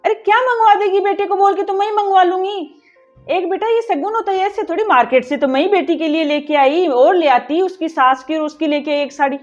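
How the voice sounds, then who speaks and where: Casting a sulky reproachful mother-in-law, high pitched, played by a woman, dull lo-fi sound with faint music behind. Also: brisk, hardly any pauses, a little mellow, natural voice. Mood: indignant. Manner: complaining, reproachful, scolding. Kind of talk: family drama acting.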